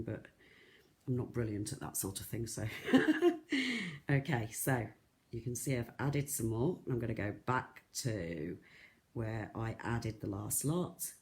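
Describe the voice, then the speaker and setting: A craft shop tutor with a croaky, soft, medium-pitched voice leads a live-streamed beading tutorial without ever getting loud. She's chatty and rambling, with lots of ums and restarts.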